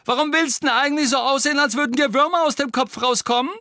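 A man's voice: fast talker, sharp tone, no echo, clean studio sound. A man voicing a spiteful teenage girl who shrieks jeers from below. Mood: jeering. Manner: shrill, jeering.

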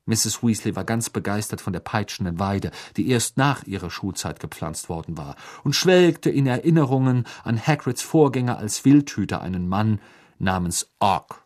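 A man reading an audiobook aloud in scripted narration, with expressive, animated storytelling. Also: fairly low pitch, normal speed. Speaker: audiobook reader.

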